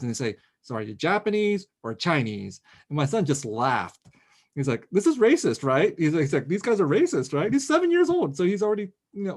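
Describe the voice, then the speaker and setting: A middle-aged man talking with animated restarts, as an author in a casual conversation over a video call. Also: a little high, breathy edge. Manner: animated, quick, with many restarts. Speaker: author guest.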